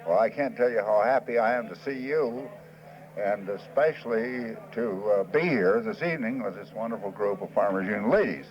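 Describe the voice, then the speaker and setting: A man in his sixties, a former farm organization leader, giving earnest, reflective answers in an interview with many hesitant pauses. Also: on the low side, a little hiss or hum. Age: 60s. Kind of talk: recorded interview. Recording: muffled old archive tape.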